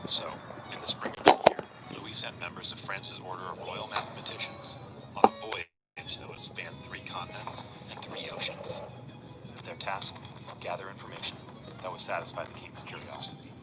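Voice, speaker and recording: A man giving wry, measured scripted documentary narration. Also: sits low, fairly even intonation, very noisy. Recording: voice-over over loud music.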